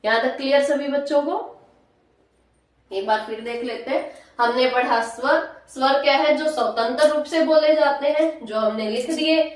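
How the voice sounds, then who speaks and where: A woman's voice: sits high, normal speed. A woman teaching a Hindi grammar class, asking her students questions and answering them herself, drawing out syllables and repeating key points. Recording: echoey room, voice from far off.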